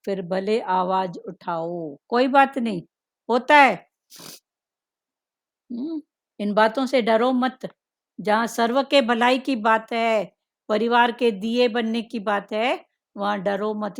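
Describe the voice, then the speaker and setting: Slow, gravelly-voiced woman teaching spiritual lessons. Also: fairly high pitch. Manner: slow, musing, with frequent "hmm" fillers. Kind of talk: devotional talk to a group.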